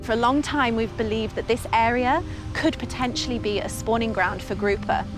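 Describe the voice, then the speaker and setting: A woman's voice: on the high side, moderate pace, music in the background. A woman working as a researcher, talking unscripted and explaining field observations. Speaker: marine researcher.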